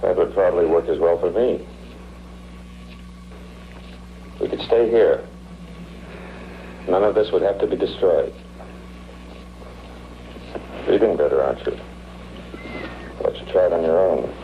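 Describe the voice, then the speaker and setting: An actor playing a coolly calculating mad doctor in an old horror B-movie, speaking in a deliberate, condescending, menacing way. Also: male voice, sits low. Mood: controlled, condescending. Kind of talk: old B-movie film acting. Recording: dull noisy old film soundtrack.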